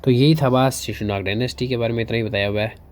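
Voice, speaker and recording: A man teaching history for exams, reading English lines slowly, then explaining fast in Hinglish with fillers and questions he answers himself. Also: mid-range voice, steady tone, a little mellow, a little hiss or hum. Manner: keeps asking and answering his own questions. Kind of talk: exam-prep lecture.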